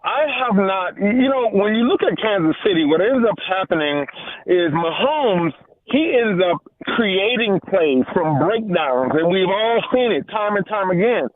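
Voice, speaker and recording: Over a muffled phone line that sounds almost underwater, a man calls into a talk-radio show, earnestly building his point and restarting as he goes. His voice sits high, expressive and unhurried.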